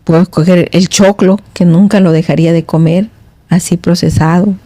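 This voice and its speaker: A middle-aged woman, a podcast guest, telling stories in a halting, meandering way with many restarts. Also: fairly low pitch, fairly even intonation, warm tone, no echo. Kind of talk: casual storytelling in conversation. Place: podcast studio.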